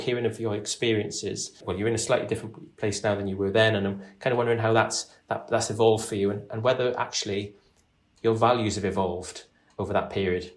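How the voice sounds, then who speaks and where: A man's voice: on the low side, reverberant. A man from South Wales with a faint Welsh accent, hosting an interview and asking encouraging questions. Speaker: interview host. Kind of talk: conversational interview.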